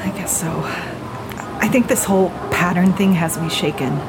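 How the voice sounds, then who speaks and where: A woman's voice: fairly low pitch, normal speed, very noisy, lightly acted. An actress playing a sardonic, weary, frazzled woman adventurer in an audio drama. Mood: shaken, weary. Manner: wry, weary, sarcastic.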